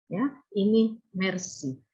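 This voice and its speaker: A woman teaching a classroom language lesson, speaking slowly and deliberately and repeating phrases for her pupils. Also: medium pitch, expressive, mellow, breathy edge, dull audio. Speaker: French teacher.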